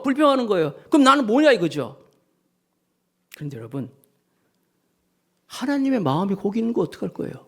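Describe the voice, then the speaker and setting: A man preaching a Sunday sermon as the pastor of his church, animated, acting out the voices of the people in his stories. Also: high-pitched.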